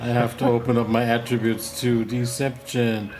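A man's voice: medium pitch, level tone, moderate pace, over music. A man playing a tabletop game, chatting casually and thinking aloud in short, choppy phrases.

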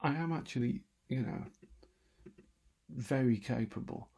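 Quiet, gravelly-voiced man. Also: mid-range voice, a little slow. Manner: self-deprecating, wry, full of asides and restarts; talking quietly, half-whispering at times. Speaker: radio host. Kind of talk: rambling late-night solo radio chat. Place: room in his own house at night.

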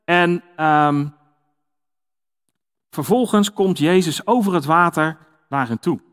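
A man's voice: a little high, slow, fairly bright tone, in a large hall. A man giving a conversational sermon, with many fillers and restarts. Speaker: preacher.

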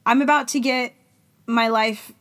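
A woman's voice: on the high side, steady tone, measured pace, a bit bright. A woman in her forties, a mother of teenagers from Florida, co-hosting a casual chat in a wry, chatty way. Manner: chatty, wry, throat-clearing. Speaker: podcast co-host.

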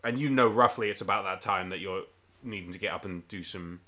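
Guy game-mastering a tabletop game, bright voice, lots of likes and ums. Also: sits low, brisk. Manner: rambling, filler-heavy description.

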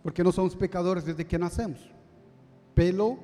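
High-voiced deacon in an echoing church. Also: male voice, moderate pace, warm tone, soft background music. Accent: Brazilian Portuguese. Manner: earnest, teaching tone, asks the congregation for assent. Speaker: deacon preaching. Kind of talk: sermon. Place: church hall. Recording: long church-hall reverb.

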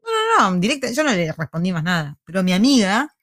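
A young woman with an Argentine accent, chatting casually and telling a story with animated, acted-out quotes. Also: on the low side, fast, no echo, clean studio sound. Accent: Argentine Spanish. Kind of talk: casual chat.

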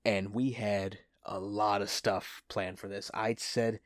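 A man with a fairly low voice gushes like an excited fan as he hosts a casual movie review. The sound is dry and close, with no room echo. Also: takes it slowly. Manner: enthusiastic, gushing fan talk. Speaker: host of a movie review show.

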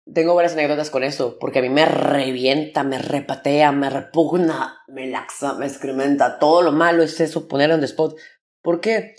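A young man with a Mexican Spanish accent, hosting a solo podcast from home in a rambling, slangy, self-interrupting way. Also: a little high. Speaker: podcast host. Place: home room.

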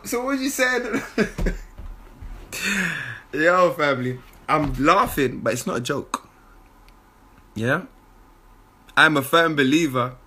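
A man giving a lively motivational talk as a spiritual coach, often laughing. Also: medium pitch. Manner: animated, bursts into shouted impressions and laughter.

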